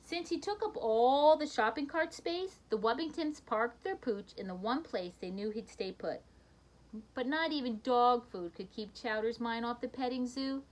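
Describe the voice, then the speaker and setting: A woman reading a children's picture book aloud in an expressive storytelling manner, with brief asides to her listeners. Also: on the high side, normal speed, rough recording.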